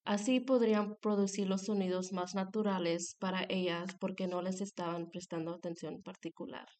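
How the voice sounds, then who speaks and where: A woman's voice: mid-range voice, moderate pace. Young woman presenting a class project. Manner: steady read-aloud delivery with clear examples. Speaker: student presenter. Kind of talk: scripted educational narration.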